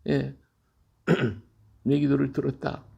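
A man with a deeply gravelly, creaky voice preaches at a middle pitch. He talks to listeners in a plain conversational way, leaning on repeated phrases to press his point with heartfelt emphasis. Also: little pitch movement, slow, a little mellow, lo-fi sound. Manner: earnest, repetitive, emotional emphasis. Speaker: Bible teacher. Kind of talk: conversational sermon on a Bible reading.

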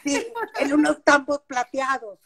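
An older woman with a Mexican accent, recalling her childhood as an interview guest over a video call, in a warm, nostalgic storytelling manner. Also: high voice, steady tone, measured pace. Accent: Mexican Spanish. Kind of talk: casual reminiscing.

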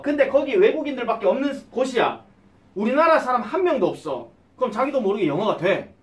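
A male English teacher, giving an exam-prep lecture and quizzing his students with quick questions. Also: high-pitched, reverberant, recorded from a distance.

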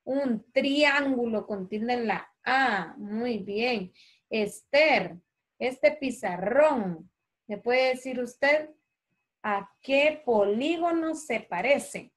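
Woman primary teacher, Honduran Spanish accent, slightly high, unhurried, patient, online class. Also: animated. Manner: patient, slow and clear, calls children by name. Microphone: video call.

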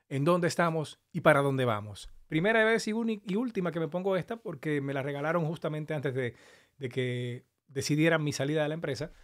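A man hosting a casual live stream, a little hoarse from long talking, greeting viewers affectionately by name. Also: on the high side. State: slightly hoarse after an hour of talking.

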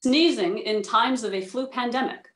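Over roomy video-call audio, a woman formally reads research papers aloud and fields panel questions, speaking from a tablet in an indoor room. Her voice is a little high and a bit bright, at normal speed.

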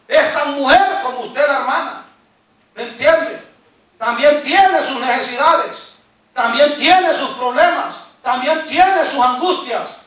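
A man preaching a fervent Pentecostal sermon in church. He calls out to the congregation and swings between shouts and hushed asides. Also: extremely high pitch. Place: church sanctuary. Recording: very echoey church hall, voice from a distance.

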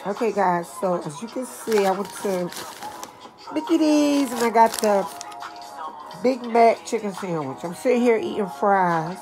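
An older woman reviewing fast food in casual chat, talking straight to her viewers. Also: medium pitch, lively intonation, music in the background. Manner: chatty, talks straight to viewers.

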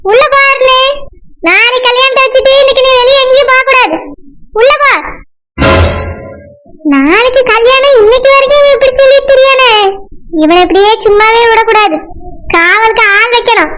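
A woman's voice: extremely high pitch, normal speed, pauses often. A woman as a bossy, worried village mother. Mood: commanding. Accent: Kanyakumari Tamil. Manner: commanding, scolding. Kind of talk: village skit acting.

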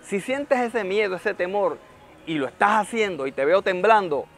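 A man with a notably high-pitched voice records a motivational vlog. He speaks straight to the viewer as a friend, encouraging beginners to face their fears in network marketing, and at times he acts out nervous voices. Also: expressive, normal speed, fairly bright tone. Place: hotel, ends showing a rooftop view.

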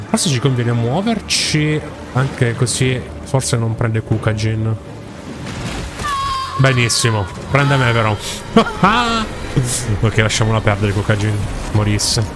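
A man narrating his game session in a loose, excitable way, cheering on his ally and egging on enemies. His voice sits at an ordinary pitch for a man. Game music plays clearly behind him. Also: measured pace. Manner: excitable, talks to the game and its characters. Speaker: gaming YouTuber. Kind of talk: casual gameplay commentary.

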